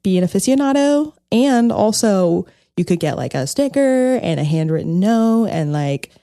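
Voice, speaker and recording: A woman's voice: medium pitch, lively intonation, normal speed, dark tone, no room sound, clean studio sound. Giggly young woman podcast host. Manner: giggly, bubbly, full of "like". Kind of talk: casual chat.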